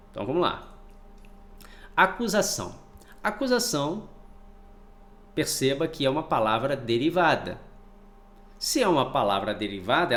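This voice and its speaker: A man teaching a spelling lesson for exam prep, asking questions and then answering them himself. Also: mid-range voice. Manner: lively, asks and answers his own questions.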